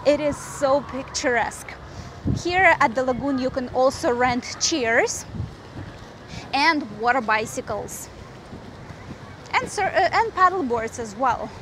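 A woman's voice: high voice, lively intonation, slow pace, long pauses. A woman vlogger narrating a casual walking tour outdoors at a resort lagoon, chatty and upbeat as she points things out. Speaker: travel vlogger, tour guide. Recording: outdoor noise, open air.

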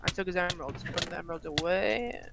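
A young man in a casual gaming chat with friends, teasing them and breaking into loud yells. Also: sits high, fast, creaky, very noisy. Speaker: gamer.

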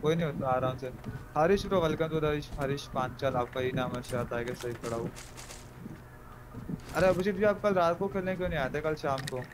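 A man's voice: on the high side, normal speed. Young man, game streamer, chatty, greets viewers, noisy mic with clicks. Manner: greets chat viewers by name, asks for likes. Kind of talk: casual live-stream chat.

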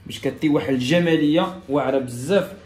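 A man's voice: a little high, quick pace, a little mellow, echoey room, soft background music. A man with a Moroccan accent, a barber who explains a haircut step by step and repeats each step to his viewers. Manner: instructive, repeats steps, talks straight to viewers. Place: barbershop salon.

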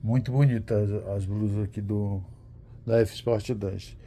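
A man with a mellow, warm-toned voice hosts a casual walking vlog at a market stall. He talks straight to his viewers and keeps praising what he is shown. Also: on the low side, fairly even intonation, measured pace, a little hiss or hum. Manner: enthusiastic, praises the goods to viewers. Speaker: host.

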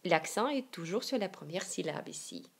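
A woman from Siberia with a Russian accent, teaching a language lesson online and explaining slowly and carefully. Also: fairly low pitch, animated, creaky, husky. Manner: slow, careful explanations with example readings.

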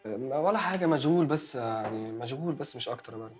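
An actor with an Egyptian accent playing an evasive young man who makes smooth excuses to his girlfriend. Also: medium pitch, expressive, lightly acted. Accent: Egyptian Arabic. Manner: smooth, fast excuse-making. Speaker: actor in a TV drama series. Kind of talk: TV drama acting.

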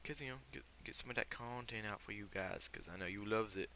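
A man's voice: on the low side, quick pace, sharp tone, a little hiss or hum. Rambling sick young gamer guy. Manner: rambling, filler-heavy, easily startled. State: sick with fever. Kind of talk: casual game commentary.

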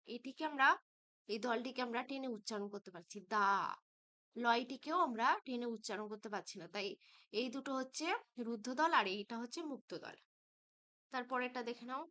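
Woman teacher doing a grammar class, bright crisp voice a bit high, slow patient syllable-by-syllable. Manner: slow, patient, drawn-out syllables when spelling out words. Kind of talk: grammar lesson for school pupils.

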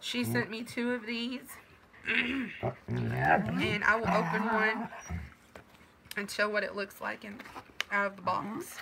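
A middle-aged woman vlogs casually while opening mail in her living room, her medium-pitched voice slow and creaky from a sinus infection. She pauses often and gushes warm thanks padded with fillers, all over heavy background noise.

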